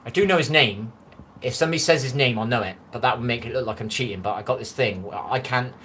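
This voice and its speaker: A man's voice: medium pitch, quick pace, fairly bright tone, slight background noise. Man, Bristolian West Country accent, mid voice, rambling and chatty live-streamer on a phone. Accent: Bristolian West Country English. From Bristol, England. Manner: rambling, chatty, easily amused. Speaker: livestreamer. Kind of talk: casual live-stream chat reading comments. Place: his own room, lights low.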